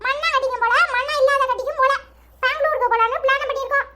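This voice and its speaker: A woman's voice: very high-pitched, fairly even intonation, very fast, voice pushed up. A woman voicing a cheeky, teasing village grandson in a cartoon, with a Tirunelveli accent and a chuckling, bantering manner. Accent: Tirunelveli Tamil. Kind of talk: cartoon voice acting. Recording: loud background noise.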